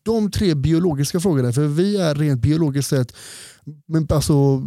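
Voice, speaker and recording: A man's voice: fairly high pitch, mellow, no echo, studio quality. A man who is a doctor, explaining health topics in a casual podcast conversation and laying out his points one by one. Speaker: doctor guest.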